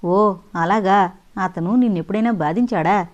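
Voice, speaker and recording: A woman's voice: medium pitch, a little fast, a little mellow, natural voice. A woman doing an earnest young woman, kind and pleading, audio storybook, slightly dull recording. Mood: earnest, indignant.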